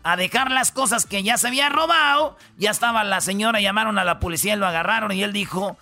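A man's voice: sits high, quick pace, gravelly, bright, forceful tone, soft background music. A man hosting a comedic radio countdown, joking and bantering loosely in slangy talk. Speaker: radio show host.

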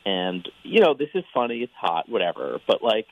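A man's voice: fairly low pitch, sing-song, normal speed, gravelly. A man talking over a phone line on a radio show's speakerphone, hesitant and stumbling over his words as he explains himself. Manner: hesitant, stammering restarts. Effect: heard over a phone line on speakerphone. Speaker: radio call-in guest. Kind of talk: casual phone chat.

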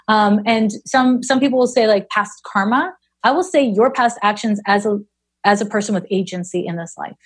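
A woman's voice: mid-range voice, moderate pace, breathy edge. A woman in her forties, an astrologer being interviewed, speaking frankly and bluntly with casual swearing. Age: 40s. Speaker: astrologer guest.

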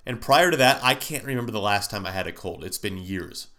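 A fairly low-pitched male podcast host talks in a brisk, animated way, his voice pushed and bright. A sinus cold leaves him nasal and stuffy, and his casual solo monologue rambles along with plenty of fillers and restarts.

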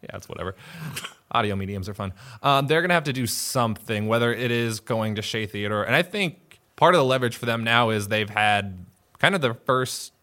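A man's voice: medium pitch, fairly quick, pushed and bright. A man co-hosting a sports podcast, chatting casually and thinking through questions aloud. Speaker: podcast co-host.

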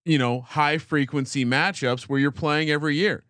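A man co-hosting a sports podcast, making his case in a measured, reasoning way during casual debate. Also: fairly high pitch, steady tone, fairly bright tone, no echo. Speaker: podcast co-host.

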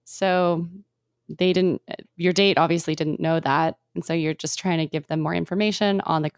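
A woman's voice: fairly low pitch, fairly even intonation, normal speed, smooth, no room sound, clean studio sound. A woman co-hosting a casual language lesson, asking questions and summing up points. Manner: asks and sums up, frequent backchannel. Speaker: co-host learner.

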